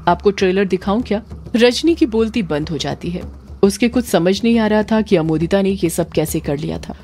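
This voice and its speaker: A woman's voice: medium pitch, animated, moderate pace, warm tone, a little hiss or hum. Woman narrating a horror story. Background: faint background music.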